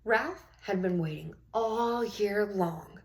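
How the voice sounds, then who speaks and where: A woman teacher reads a picture book aloud to young children, speaking slowly at a medium pitch with slight background noise. Her storybook delivery is expressive, drawing out key words, and she keeps the classroom involved with questions and encouraging praise.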